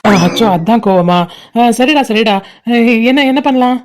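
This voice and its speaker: An actor voicing a young man in a cartoon, who talks quickly and teases and coaxes a sulking friend. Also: mid-range voice, expressive, a little mellow, slight background noise, natural voice. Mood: coaxing. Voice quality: quick, chiding and coaxing. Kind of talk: animated cartoon voice acting.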